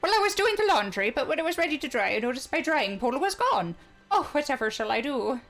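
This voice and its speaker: A woman's voice: sits high, sing-song, fast talker, a bit bright, faint music behind, voice pushed up, full character voice. A woman voicing a cheerful, fussy old village woman in a put-on Irish accent while reading game dialogue. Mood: fussing, delighted. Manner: sing-song, fretting and delighted.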